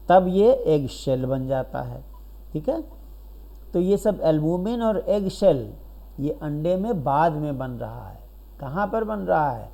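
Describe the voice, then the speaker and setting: Man teacher with a warm, mellow voice, patient lecture style, asks and answers his own questions. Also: high-pitched. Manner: explains step by step, asks questions and answers them, keeps checking with "right?". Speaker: biology teacher. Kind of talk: recorded classroom lecture.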